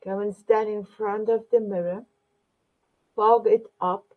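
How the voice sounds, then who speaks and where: A woman speaks slowly and deliberately as a talk show host, offering motivational encouragement. She repeats endearments and sometimes searches for an English word. Her voice comes through a narrow, phone-like line. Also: medium pitch, steady tone. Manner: warm, repetitive terms of endearment, searching for English words. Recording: phone-line quality audio.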